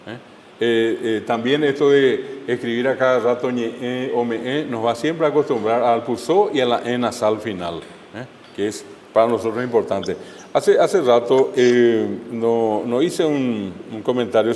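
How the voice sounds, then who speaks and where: A man teaching a language class, explaining spelling rules and repeating words slowly for his students. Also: mid-range voice, a little mellow, big-room sound, slight background noise. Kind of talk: classroom lesson with recitation drills.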